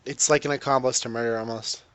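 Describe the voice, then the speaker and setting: A man's voice: medium pitch, steady tone, fast talker, a bit bright, smooth, no room sound. Joking let's-play man, dry sound. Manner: joking, rambling, irreverent. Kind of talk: casual gameplay commentary.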